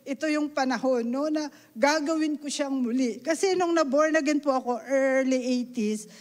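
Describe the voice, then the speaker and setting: A middle-aged Filipina preaches a sermon in a high-pitched voice at a moderate pace, earnest and emotional. She mixes Tagalog and English and often asks "no?" The recording carries the long reverb of a church hall.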